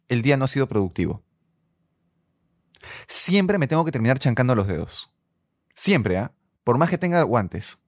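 A man's voice: medium pitch, no echo, studio quality. A man, co-hosting a casual podcast about filmmaking and telling stories with jokes. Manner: animated storyteller, joking. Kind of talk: casual chat.

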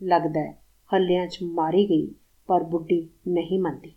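A woman reading a literary short story aloud in a measured, expressive, somber way. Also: lowish voice, narrow, tinny audio. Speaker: story reader.

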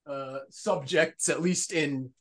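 A man's voice: fairly high pitch, slow, dry recording. A young man co-hosting a gaming podcast in casual chat, easygoing and given to trailing off and repeating himself. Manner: relaxed, trails off and repeats words. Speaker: podcast co-host.

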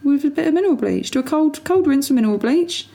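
A woman's voice: sits high, fast, gravelly. A woman, chatting casually and laughing as she reacts to a video. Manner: chatty, expressive, laughs often. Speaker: podcast co-host reacting to a video. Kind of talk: casual chat.

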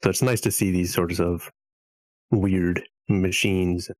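A man's voice: deep voice, steady tone, slow, darkish tone, no echo, poor audio. A man, a podcast guest, chatting casually in a hesitant, meandering way.

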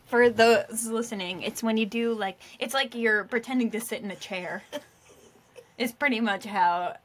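A woman's voice: a little high, moderate pace, slight background noise. A woman co-hosting a podcast, chiming in with teasing, playful remarks in casual chat. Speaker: podcast co-host.

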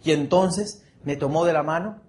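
A man's voice: fairly high pitch, normal speed, darkish tone. A man giving a motivational speech to an audience, earnest, repeating phrases and asking the audience for agreement. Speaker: motivational speaker.

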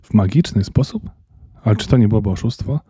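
A man's voice: fairly low pitch, fast, mellow, slightly rough, dry recording, studio quality. Man doing a grumbling little Christmas elf. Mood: reluctant. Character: fussy small male Christmas elf, wary.

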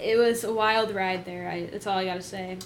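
A woman's voice: mid-range voice, brisk, vocal fry, slight background noise. A young woman co-hosting a podcast, chatting casually about urban legends with lots of fillers and laughter. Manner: giggly, filler-heavy, animated. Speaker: podcast co-host.

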